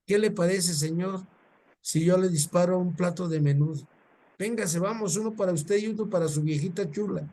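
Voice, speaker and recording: A humble, hungry Mexican man speaks plainly and fairly high, as a male preacher puts him on. He pleads simply in his storyteller's own voice. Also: normal speed, mellow, a little hiss or hum, lightly acted. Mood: kind. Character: poor hungry middle-aged man, humble.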